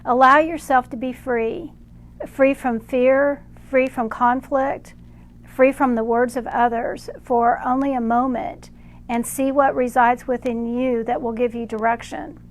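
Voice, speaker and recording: A woman with a slightly high voice delivers channeled spiritual guidance. She talks slowly and deliberately, pausing between phrases. She refers to herself as "we" while she relays it. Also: fairly even intonation. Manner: slow, measured, speaks as "we" for unseen guides.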